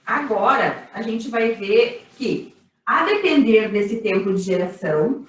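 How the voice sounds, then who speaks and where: A woman's voice: medium pitch, lively intonation, takes it slowly. A woman with a Brazilian Portuguese accent teaching an online microbiology class, explaining step by step, asking rhetorical questions and checking in with her students. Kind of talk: online lecture. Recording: echoey room.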